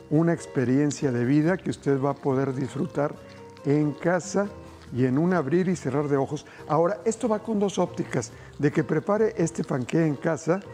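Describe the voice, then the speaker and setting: With a warm, fairly high-pitched voice, a middle-aged man presents a cooking show from a TV studio kitchen set. He cheerfully leads viewers through a recipe, enthusiastic and speaking to them directly.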